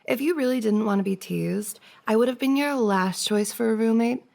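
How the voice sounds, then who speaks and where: Playing a best friend's teasing older sister for a laid-back ASMR roleplay, a woman talks at a moderate pace in a creaky, higher-pitched voice. The banter is playful and giggly, punctuated by frequent soft laughs.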